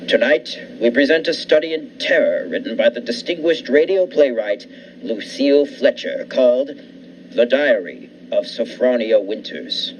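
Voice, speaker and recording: A man playing a haughty, sinister host who introduces a 1940s radio thriller in a dramatic, deliberate, ominous way. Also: mid-range voice, muffled recording, natural voice. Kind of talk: 1940s radio suspense narration. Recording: distant, noisy mic.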